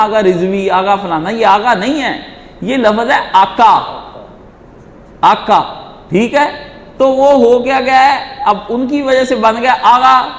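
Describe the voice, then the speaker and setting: Emphatic high-voiced man in an echoey hall. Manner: emphatic and repetitive, acts out quoted voices. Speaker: Islamic teacher answering questions. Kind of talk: religious question-and-answer lecture. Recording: echoey hall with faint noise.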